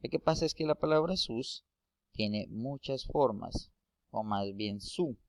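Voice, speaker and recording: Slow, patient man explaining a lesson. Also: mid-range voice, expressive, dry recording. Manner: slow, patient, repeats and checks with "¿sí?". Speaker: English teacher. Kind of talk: classroom explanation.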